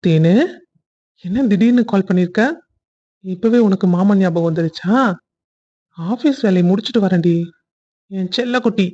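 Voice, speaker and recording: A man with a mellow, dark voice plays a husband in a cartoon family story. He talks tenderly on the phone and frets to himself in between. The recording sounds dull and lo-fi. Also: high-pitched, moderate pace, pauses often.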